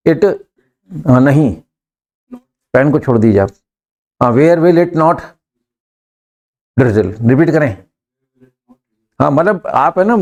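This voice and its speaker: A man's voice: a little high, darkish tone. A man teaching in a classroom, drilling his students on sentences and coaxing them to answer and repeat. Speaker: English teacher.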